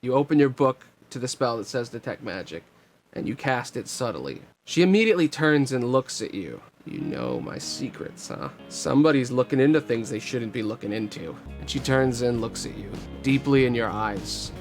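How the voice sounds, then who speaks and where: A man narrating a tabletop game as game master, telling the story casually with lots of fillers. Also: mid-range voice.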